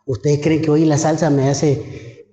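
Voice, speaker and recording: Fervent pastor preaching. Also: male voice, on the high side, level tone, measured pace, dark tone, reverberant. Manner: fervent storytelling, addresses the congregation as brothers. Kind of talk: sermon with personal testimony.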